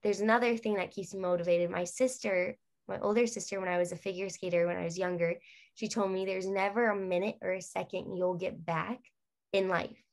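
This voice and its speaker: A young adult woman, a guest singer, talks earnestly and chattily in a casual video-call interview, drifting off on tangents. Her voice is medium-pitched, steady, and a little fast, picked up by a laptop webcam on the call.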